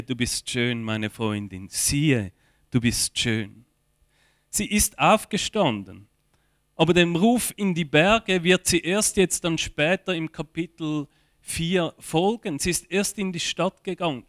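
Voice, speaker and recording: A man preaching a sermon, slow and earnest, rising in emphasis at key points. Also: on the high side, a bit bright, dry recording, studio quality.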